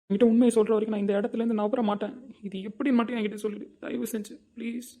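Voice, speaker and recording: A man playing a desperate young husband who pleads and shouts in an amateur audio drama. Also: high-pitched, flat delivery, racing. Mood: pleading.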